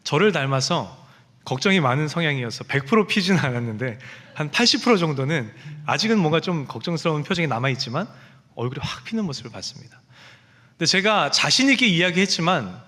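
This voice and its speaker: A man's voice: on the high side, big pitch swings, fast talker, bright, forceful tone, long reverb tail. A man preaching a sermon as pastor, telling stories and acting out the voices of the people in them. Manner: storytelling, acting out quoted speech. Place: church sanctuary.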